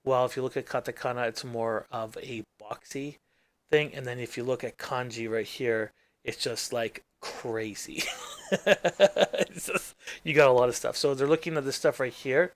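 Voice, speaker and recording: A man who runs a gaming channel gives casual screen-recording commentary in his native English, musing as he goes, rambling and trailing off into mumbles. His mid-range voice holds a steady tone at a moderate pace.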